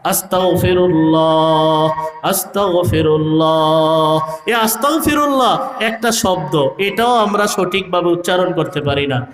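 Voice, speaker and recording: A high-pitched male preacher who delivers his sermon in a rhythmic way, rising into shouted peaks and drawing out sung phrases. His voice rings through an echoey hall, with faint music underneath. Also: expressive, moderate pace. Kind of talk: Bengali waz sermon.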